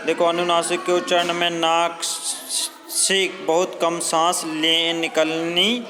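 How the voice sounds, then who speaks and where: A man teaching a grammar lesson, explaining slowly with many fillers and drawing out example words. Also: on the high side, monotone, over music. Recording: long hall reverb, faint ambient noise.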